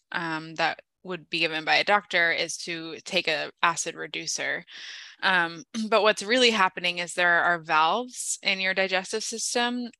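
A young woman co-hosting a casual chat podcast, telling stories in an animated way and laughing often, then explaining health topics. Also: lowish voice, no room sound. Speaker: podcast co-host, health practitioner.

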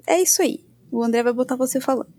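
A woman's voice: high-pitched, fast, warm tone, no room sound. A woman with a Brazilian accent hosting a podcast, switching between scripted narration and informal, self-deprecating asides. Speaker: podcast host. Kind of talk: casual chat and scripted true-crime narration with asides.

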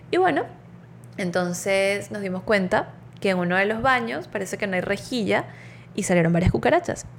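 Woman, mid-pitched voice, animated personal storytelling, faint hiss behind. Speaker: wellness speaker. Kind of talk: personal storytelling talk to listeners.

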